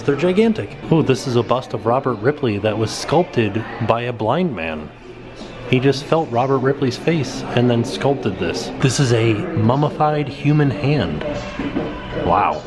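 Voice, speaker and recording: A man giving casual, off-the-cuff vlog commentary as he tours exhibits, pointing things out with mild amazement. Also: medium pitch. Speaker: vlogger touring a museum. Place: indoor museum exhibit rooms. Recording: loud music behind the voice.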